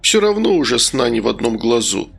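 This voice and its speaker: A man's voice: medium pitch, sing-song, fairly quick, creaky, husky, faint music behind, heavily acted. Audiobook: a sarcastic, grumbling bearded man, voiced by the reader. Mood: sardonic.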